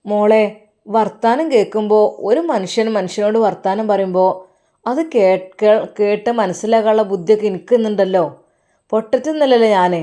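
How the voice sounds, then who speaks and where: A woman's voice: mid-range voice, fairly quick, warm tone, natural voice. Woman doing a scolding older mother-in-law. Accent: Malappuram Malayalam. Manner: scolding, lecturing.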